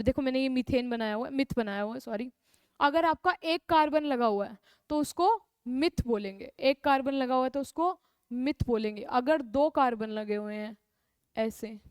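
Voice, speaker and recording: A woman's voice: high voice, dry recording. A young woman with a North Indian accent teaching a chemistry class, repeating key terms and answering her own questions. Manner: calls students "beta", coaxing. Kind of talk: classroom lecture.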